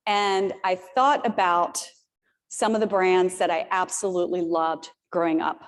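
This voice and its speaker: A woman's voice: on the low side, steady tone, unhurried. A woman in her fifties giving a motivational keynote talk, telling personal stories with humorous asides to the audience. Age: 50s. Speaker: keynote speaker. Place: large old theater venue. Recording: long hall reverb on stage.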